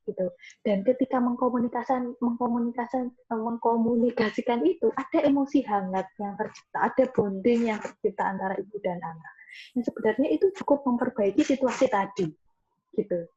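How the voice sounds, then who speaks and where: A woman's voice: a little high, a little fast, warm tone, slightly rough, lo-fi sound. A woman speaking as a guest on a mental health webinar, explaining things reassuringly and repeating her key points over a video call. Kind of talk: webinar talk with audience questions.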